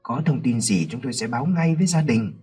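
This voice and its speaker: A man's voice: medium pitch, animated, fast, mellow, breathy edge, soft background music. A man voicing an earnest rescue team leader giving urgent advice.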